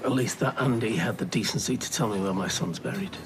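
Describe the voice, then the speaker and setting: A woman's voice: very deep voice, brisk. An actress playing a bitter, grieving mother in a TV soap, cutting and sarcastic. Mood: scornful. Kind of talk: television soap drama.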